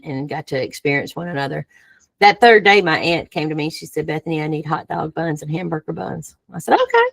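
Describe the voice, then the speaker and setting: A woman giving a spiritual coaching talk, telling stories in an animated, playful way. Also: fairly low pitch, no room sound. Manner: animated storytelling, playful, with laughs. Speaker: summit speaker.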